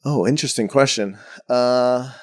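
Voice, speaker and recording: With a medium-pitched voice at a moderate pace, a young man from the Bronx, New York, rambles casually as a painter guest in an interview, filling his speech with "like" and "you know." The studio-quality recording has no room sound.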